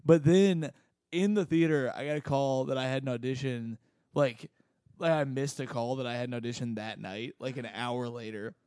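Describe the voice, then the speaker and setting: A man's voice: mid-range voice, steady tone, moderate pace, darkish tone, smooth, dry recording, studio quality. A young man co-hosting a casual comedy podcast, laughing often and swearing freely. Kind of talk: casual chat.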